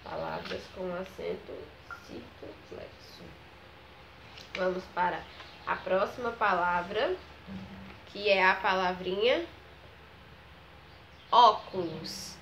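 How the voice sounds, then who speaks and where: A woman, teaching a children's grammar lesson. She talks slowly, stretches out each example word, and keeps checking in with the class. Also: lowish voice, expressive, gravelly, noisy background. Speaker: primary school teacher.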